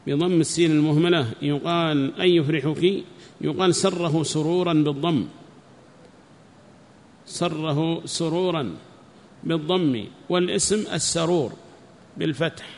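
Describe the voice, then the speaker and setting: A man teaching a religious text, reading each phrase and then repeating it slowly with explanations. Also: on the high side, steady tone, darkish tone, a little hiss or hum. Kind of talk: classical text lesson with commentary. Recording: long reverb.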